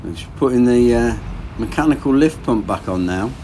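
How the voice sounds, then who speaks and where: A man in his thirties who vlogs about rebuilding a boat engine narrates casually while working in his garage, relaxed and plain-spoken as he thinks aloud. His voice is medium-pitched at a moderate pace, with a little hiss or hum.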